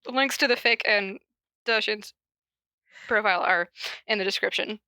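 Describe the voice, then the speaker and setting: In a casual, giggly, self-mocking way, a woman hosts a podcast, chatting informally and introducing fan fiction readings with read-out summaries. Her voice is medium-pitched, sharp, and clean, at a normal speed with no room sound.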